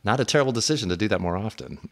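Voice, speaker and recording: A man's voice: on the low side, lively intonation, racing. A man co-hosting a podcast, chatting casually and thinking aloud with plenty of fillers. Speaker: podcast co-host. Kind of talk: casual conversation.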